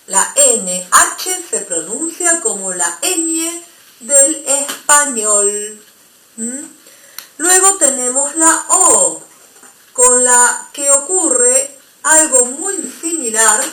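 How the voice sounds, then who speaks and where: Woman teacher, slow careful explaining, kinda high voice, roomy echo. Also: lively intonation, fairly bright tone. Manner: slow, patient explaining, checks in with "¿mm?". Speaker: language teacher. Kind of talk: recorded online language lesson.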